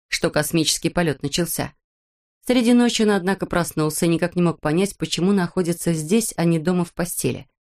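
A woman narrating a children's storybook in an even storytelling manner. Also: fairly low pitch. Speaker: audiobook narrator.

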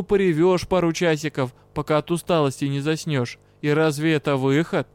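A man voicing a brash male dark elf partner in an audiobook, gruff, teasing and bluntly scolding. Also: a little high, no echo, lightly acted. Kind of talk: audiobook character voice.

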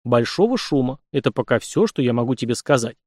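A man voicing a quick-tempered, cheeky young man with sharp, teasing retorts. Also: mid-range voice, very animated, no room sound, studio quality. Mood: cocky.

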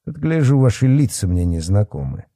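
A stern officer who takes charge, as a man reads him. Slightly raised, clipped and authoritative, with a husky, darkly mellow tone. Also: lowish voice, very animated, moderate pace, no room sound, studio quality. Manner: stern, curt, commanding. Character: stern middle-aged police chief, calm authority.

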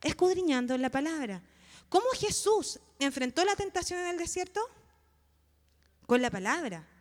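Woman preaching, high voice, earnest and emphatic, keeps asking the congregation questions. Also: very animated, moderate pace, in a large hall. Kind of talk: sermon.

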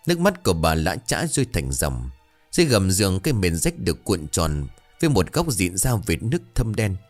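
A man narrating a horror story in a dramatic, measured way. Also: deep voice, wildly swooping pitch, faint music behind.

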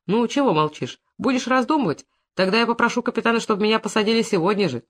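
A reader voicing Chubatov, a bold hot-tempered village man who is gruff but tender. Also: high-pitched, expressive, fast talker, fairly bright tone, voice pushed up. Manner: gruff, curt, teasing.

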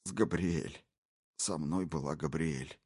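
A slightly raised, halting voice belongs to a guilt-ridden husband held hostage, as a male audiobook reader puts him on. He stammers and breaks off as he confesses. The sound is dry and close. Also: extremely low pitch, darkish tone, breathy edge, no room sound, exaggerated voice. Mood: guilty.

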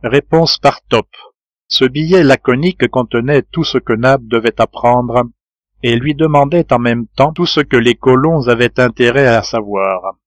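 A man narrating an audiobook of a classic adventure novel in a measured, even reading. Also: medium pitch, no room sound. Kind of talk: scripted narration.

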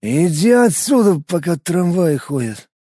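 A man voicing a drunk, bitter policeman who talks slowly and with a slur. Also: on the high side, big pitch swings, dark tone, slightly rough, no echo, studio quality, full character voice. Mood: sullen. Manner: slurred, slow, surly. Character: drunk bitter male cop, gruff and sullen.

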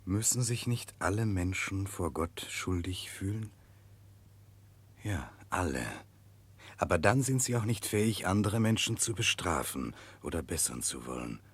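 A brooding, remorseful prince in a vintage radio play. The voice is extremely low and heavily husky, with a grave, introspective delivery. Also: male voice, big pitch swings, measured pace, heavily acted. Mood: solemn, pleading. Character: brooding, remorseful Russian prince searching for redemption. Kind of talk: 1960s German radio drama acting.

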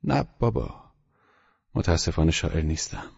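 A man's voice: rumbling low, expressive, vocal fry, a little mellow, slightly rough, in a large hall, dull audio, heavily acted. A man doing a smug, drawling young man. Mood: friendly. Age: young adult. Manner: drawling, self-satisfied.

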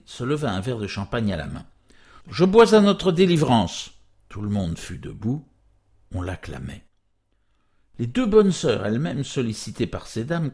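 A man reading a classic novel aloud as an audiobook, with expressive, measured storytelling. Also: on the low side, vocal fry, husky. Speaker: audiobook reader. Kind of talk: literary audiobook narration.

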